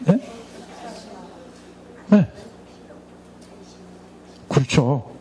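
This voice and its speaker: A man's voice: a little high, extremely slow, very noisy. A middle-aged man teaching an adult church class, acting out short family dialogues with humor. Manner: animated, acts out dialogue with humor. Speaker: church Bible school teacher. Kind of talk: lively lecture to an adult class.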